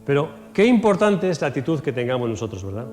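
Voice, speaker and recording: Lively storytelling pastor in a church hall. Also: male voice, mid-range voice, fast talker. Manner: acts out Bible scenes in quoted voices, shouts and laughs. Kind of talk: storytelling sermon. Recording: echoey church hall with faint music.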